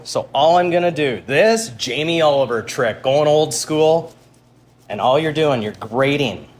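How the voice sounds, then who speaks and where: A man speaks as a cooking show host, casually talking viewers through each step as he works. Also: medium pitch. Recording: clear background noise while cooking.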